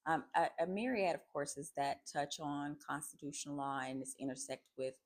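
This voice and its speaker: A woman law professor introducing herself in a measured, precise way. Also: low voice. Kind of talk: formal self-introduction.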